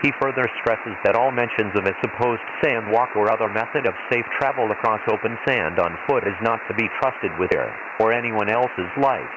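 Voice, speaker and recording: An impersonal imperial weather announcer on a desert planet, played by a man with a fairly low pitch, reads a formal, measured hazard bulletin in the manner of automated emergency radio. A radio filter cuts off the highs, and the shortwave-style transmission is hissy and noisy.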